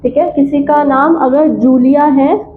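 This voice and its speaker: A woman teaching a classroom lesson, drilling each letter sound slowly and repeating it. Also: high-pitched, steady tone. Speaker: language teacher. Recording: tinny, echoey room with faint hum.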